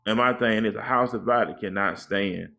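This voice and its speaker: A man's voice: lowish voice, normal speed, vocal fry, bright, forceful tone. A man in a casual podcast conversation, talking preachily and giving life advice, repeating "man" often.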